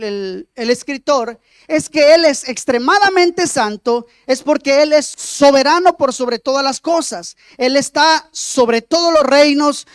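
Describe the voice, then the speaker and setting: Male lay preacher, emphatic sermon delivery, high voice, dry close sound. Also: fairly bright tone, no echo. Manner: emphatic, frequent direct address to the congregation; rhetorical repetition of words.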